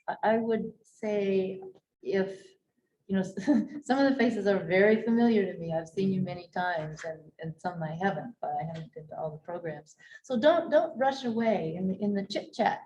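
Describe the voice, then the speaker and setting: A woman leading a casual book club discussion, haltingly searching for her words. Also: medium pitch, warm tone. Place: indoor room at a book club meeting. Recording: dull recording with faint noise.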